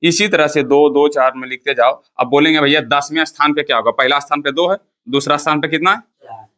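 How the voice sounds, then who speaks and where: A male math teacher with a Bihari Hindi accent lectures his class, posing questions and answering them himself. He counts through the steps one by one and repeats key terms. His voice is on the high side, a little fast, and bright, with a forceful tone.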